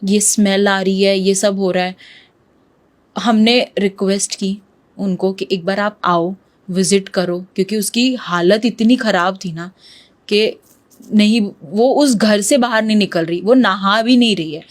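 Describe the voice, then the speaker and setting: This woman's voice sits at a medium pitch, and she speaks without hurry. As a guest on a podcast interview, she vividly relates a true ghost story, weaving English words into her Hindi.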